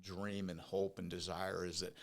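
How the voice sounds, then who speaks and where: Here a podcast guest from Oregon, an American business owner aged fifty-plus, talks in a low, creaky voice with little pitch movement and a moderate pace. His s whistles because of new teeth. Conversationally, he shares his story, hammering points through repetition and posing rhetorical questions.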